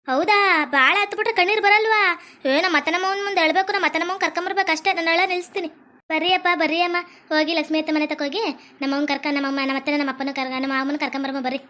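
A woman's voice: extremely high pitch, steady tone, fast, sharp tone. A woman playing an emotional young married village woman in a comedy sketch, pleading.

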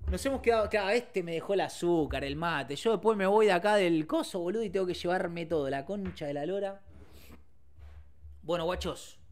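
A man with an Argentine accent hosting a casual livestream from his bedroom, telling stories with lively shouted sound effects. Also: high-pitched, brisk. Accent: Argentine Spanish. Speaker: streamer host. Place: home bedroom.

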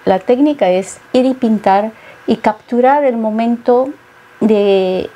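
A middle-aged woman from Peru talks slowly about her painting as an interview guest. Her voice is mellow and warm, and she pauses often with thoughtful fillers. She sounds close on a lapel mic in a studio set. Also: fairly high pitch, dull audio. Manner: thoughtful, many hesitations. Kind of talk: interview conversation.

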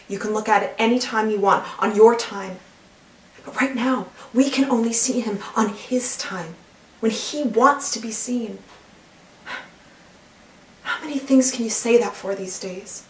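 A middle-aged woman playing an earnest, troubled woman in a dramatic monologue, pleading in a hushed, halting, sorrowful way. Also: on the high side, close to an everyday voice. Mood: sorrowful, reverent. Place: indoor studio against plain backdrop. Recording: roomy, distant mic, background noise.

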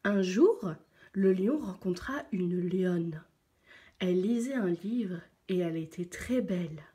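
A woman teacher reading a picture book aloud to young pupils, slow and expressive. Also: fairly low pitch.

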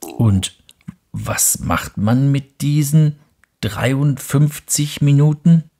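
A man voicing a small, gentle, wondering boy prince in a hushed, breathy bedtime reading. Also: mid-range voice, animated, very slow, pitched above the performer's own voice, exaggerated voice. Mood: earnest.

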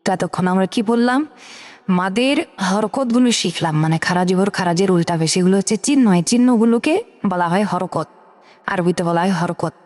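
A woman's voice: mid-range voice, darkish tone, long reverb tail. Patient woman teaching letter sounds. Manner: patient, repeats letter sounds slowly and drills. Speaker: Quran reading teacher. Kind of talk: step-by-step recitation lesson.

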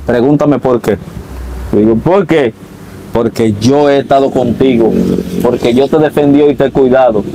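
A man's voice: mid-range voice, steady tone, normal speed, heavy background noise. A man with a Dominican accent telling a religious testimony as an interviewee, acting out the dialogue he recalls. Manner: vivid storyteller, acts out both sides of a conversation.

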